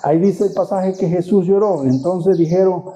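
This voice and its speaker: A pastor preaching a sermon, retelling scripture dramatically and firing rhetorical questions at the congregation. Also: male voice, sits high, moderate pace, mellow. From Venezuela. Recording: dull lo-fi sound.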